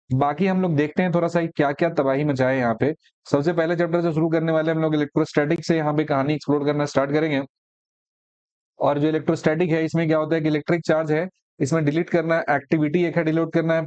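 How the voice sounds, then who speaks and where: A man's voice: fairly high pitch, a little mellow, smooth, no echo, highs cut off. Sarcastic man lecturing on physics. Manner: sarcastic, conversational, rattles off deleted topics. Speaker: physics teacher. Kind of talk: exam-prep lecture.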